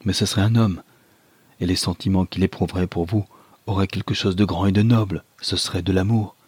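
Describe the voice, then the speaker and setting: A man's voice: sits low, steady tone, brisk, darkish tone, husky, dry recording. A man voicing a passionate young lover, speaking vehemently in an audiobook reading. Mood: disgusted.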